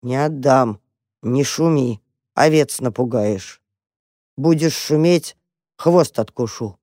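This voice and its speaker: A woman voicing a big, gloomy male sheepdog who talks slowly and grumbles. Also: very animated, no room sound, clean studio sound. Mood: gloomy grumbling. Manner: slow, low grumbling.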